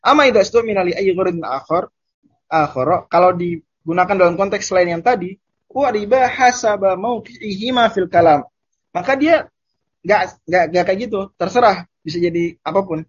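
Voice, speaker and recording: A man teaching Arabic grammar in a casual online lesson, explaining terms and repeating Arabic examples slowly. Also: sits high, slightly rough, muffled recording.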